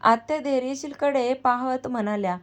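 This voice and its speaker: A woman storyteller reading a heartfelt family tale at a calm, steady pace. Her voice sits slightly high and stays even. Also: normal speed. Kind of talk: story narration.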